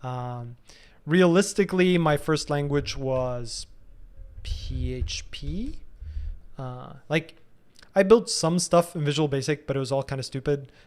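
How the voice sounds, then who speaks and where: A man's voice: a little high, unhurried, darkish tone. A man in his thirties answering viewer questions casually in a live stream, thinking aloud with frequent ums and restarts. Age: 30s.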